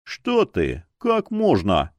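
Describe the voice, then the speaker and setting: A man's voice: mid-range voice, wildly swooping pitch, drawn-out words, no room sound, full character voice. A man voicing an aging, easygoing male cook who jokes about himself and drawls in banter. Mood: innocent.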